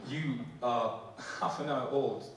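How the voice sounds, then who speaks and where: Audience laughter fills the echoey hall as a Polish-accented poet in his 40s performs slow, deliberate verse and stumbling, humorous banter thick with fillers. His voice is medium in pitch, and the distant-mic recording carries background noise.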